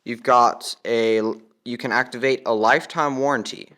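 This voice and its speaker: A ham radio operator walks through a product demonstration step by step in a casual, plain, instructional way. His medium-pitched voice is steady, bright and forceful, at a moderate pace.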